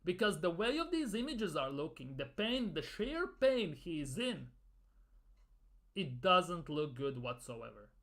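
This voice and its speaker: A man's voice: a little high, big pitch swings, a little slow, fairly bright tone. A man ranting in a football fan commentary video, exasperated and sarcastic, with some swearing.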